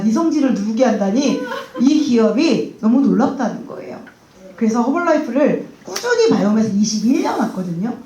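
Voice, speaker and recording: Middle-aged woman, stage speaker, lively rising-falling delivery, acts out quoted lines, roomy hall sound. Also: high-pitched. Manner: animated storytelling with laughs, acting out dialogue. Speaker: speaker at a company event. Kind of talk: motivational stage talk. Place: large event hall.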